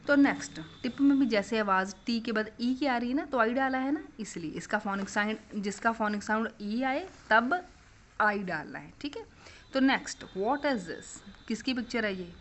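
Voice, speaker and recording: A woman's voice: fairly high pitch, a little hiss or hum. A young woman teaching phonics to children, asking questions and repeating the answers back. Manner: repetitive call-and-response questioning.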